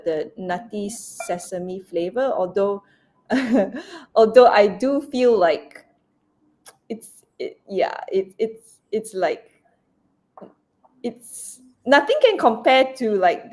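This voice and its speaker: A woman from Asia's Cantonese-speaking region, a raw food chef and cookbook author, is the guest in a casual interview, rambling with plenty of fillers and restarts and breaking into laughter. Her mid-range voice is a little mellow.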